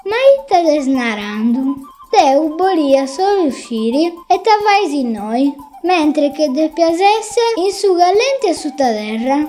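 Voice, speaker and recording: A woman's voice: sits high, big pitch swings, takes it slowly, few pauses, mellow, voice pushed up, exaggerated voice. A woman voicing a chubby, hairy green crawling critter, drawling and teasing in a storybook reading. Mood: indignant. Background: faint music.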